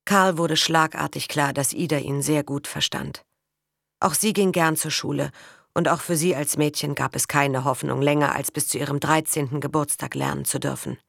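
A woman narrating a story in a calm, measured way, as an audiobook reader. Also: low-pitched, vocal fry, no room sound. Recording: dry close mic.

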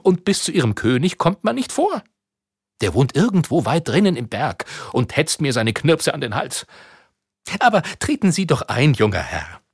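A man reading aloud, voicing a grumbling, sly old witch in a husky, put-on high voice. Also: sing-song, moderate pace, no room sound, clean studio sound, heavily acted. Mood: coaxing.

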